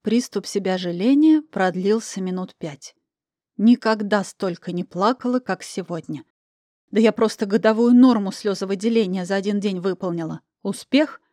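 A woman reading a first-person novel aloud in a measured storytelling manner. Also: medium pitch, warm tone, dry recording, studio quality. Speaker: audiobook narrator. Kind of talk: first-person audiobook narration.

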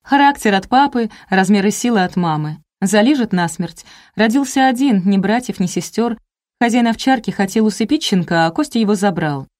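A woman voicing an excitable young woman who chatters fast in a ringing soprano. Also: mid-range voice, close to an everyday voice. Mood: chattering. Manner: rapid chatter. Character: chattering young woman, excitable, fussing over her dog.

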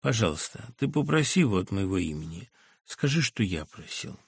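Meek middle-aged doctor, played by a man, hushed apologetic delivery, gravelly low voice, dry close recording. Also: sing-song, a little fast, no room sound, full character voice. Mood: gentle. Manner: soft, quiet, apologetic. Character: mild, guilt-ridden middle-aged male doctor.

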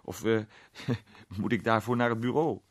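A man's voice: lowish voice, very animated, normal speed, vocal fry, breathy edge, dry recording, clean studio sound, heavily acted. A man voicing Arthur, an eager young man who stumbles over his words.

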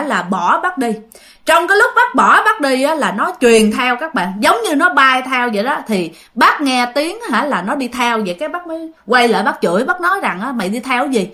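Her high voice sounds pushed and bright as she talks casually through a ghost story. The woman has a Southern Vietnamese accent, speaks right to her listeners, and leans on many fillers.

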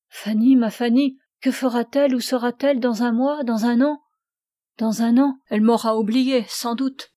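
A man's voice: extremely high pitch, dark tone, no echo, clean studio sound. A woman voicing a tearful heartbroken young man. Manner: pleading, anguished.

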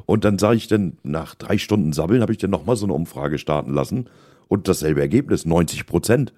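Deep-voiced man telling rambling stories. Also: lively intonation, brisk, dark tone. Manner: rambling anecdotes, filler-heavy. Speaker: podcast co-host and streamer. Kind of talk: casual chat.

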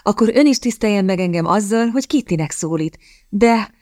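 A woman's voice: mid-range voice, animated, a little mellow, dry recording, studio quality, pitched above the performer's own voice, natural voice. A woman reading the part of a scheming young woman, putting on feigned, theatrical desperation. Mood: pleading. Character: scheming young woman seeking a rich husband. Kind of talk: audiobook character reading.

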